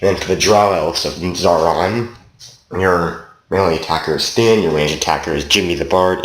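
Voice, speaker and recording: A man from Canada giving a loose, meandering and profane game review in a casual tone. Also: low-pitched. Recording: roomy echo, faint noise.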